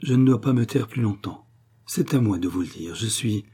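A man's voice: lowish voice, lively intonation, fairly quick, mellow, husky. A man voicing a timid, hesitant young woman.

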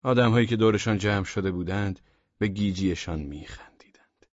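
A man narrating a humorous story as an audiobook, in a warm, measured way with soft half-whispered passages. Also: lowish voice, no room sound. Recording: dull lo-fi dry audiobook recording.

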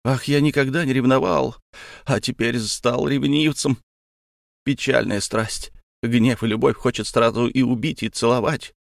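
A man's voice: mid-range voice, fairly even intonation, a little slow, creaky, dry recording, studio quality. A man voicing a jealous heartbroken husband. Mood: grieving. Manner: impassioned, outbursts of jealous anger. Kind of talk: audiobook character reading.

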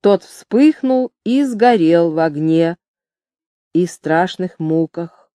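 A woman reading an audiobook, slow and measured storytelling. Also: fairly low pitch, lively intonation, mellow, no echo. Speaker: audiobook narrator. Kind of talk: scripted audiobook narration.

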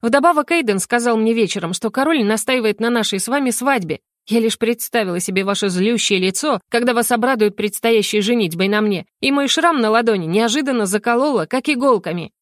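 A woman's voice: brisk, hardly any pauses, dry recording, clean studio sound, natural voice. A woman playing a flustered defiant young heroine. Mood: agitated. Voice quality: raised pitch, lively and indignant. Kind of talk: audiobook character voice.

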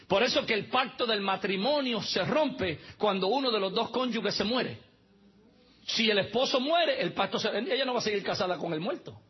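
A male pastor with a high, husky voice delivers a sermon, dropping humorous asides and spelling out words letter by letter. The recording is dull and lo-fi.

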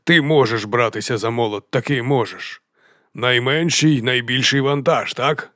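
A fat, grinning hill chieftain, put on by a male audiobook reader, stretches his words into a lazy sing-song. He slides from a near-whisper to a booming boast without warning, unsettling and merry at once. The voice sits at an ordinary male pitch in a dry, close recording. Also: moderate pace, no room sound, close to an everyday voice. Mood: jovial, unhinged. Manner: drawling and sing-song, swinging between hushed and loud. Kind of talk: audiobook character voice.

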